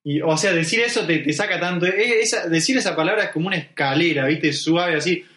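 A young man with an Argentine accent in a casual podcast chat, agreeable and quick to chime in. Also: on the high side, a bit bright. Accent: Argentine Spanish. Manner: agreeable, backchannels often. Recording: echoey room.

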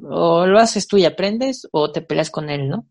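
A young woman with a Mexican accent, telling stories in a relaxed, casual chat full of fillers. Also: fairly low pitch, unhurried, creaky. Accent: Mexican Spanish. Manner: relaxed storytelling with many fillers.

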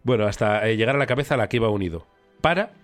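Lively young podcaster. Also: male voice, on the low side, racing, soft background music. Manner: animated storyteller, acts out voices. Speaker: podcast co-host. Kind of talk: casual chat.

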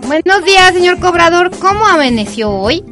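A woman's voice: very high-pitched, sing-song, normal speed, over music. A woman playing a chirpy, determinedly positive radio presenter in a comic audio drama, over-cheerful and careful with her diction.

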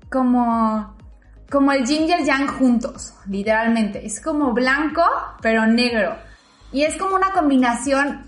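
A woman's voice: high voice, roomy sound. A young woman, co-hosting a podcast in an earnest, gushing way and often repeating her words. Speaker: podcast co-host. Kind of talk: casual chat.

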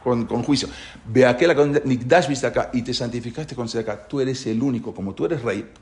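A man teaching a religious class, talking in an animated way and asking rhetorical questions. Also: mid-range voice. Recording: roomy echo.

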